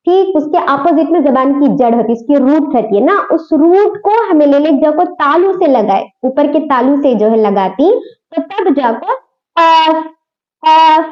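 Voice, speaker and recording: A woman teaching letter pronunciation, patiently repeating each sound many times for practice. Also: sits high. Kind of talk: pronunciation lesson. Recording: dull lo-fi recording.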